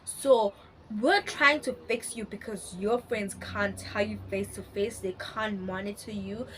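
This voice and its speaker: A teenage girl telling a school story in a rambling, animated way, full of fillers. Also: mid-range voice, measured pace, a little hiss or hum. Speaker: vlogger. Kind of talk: casual storytelling.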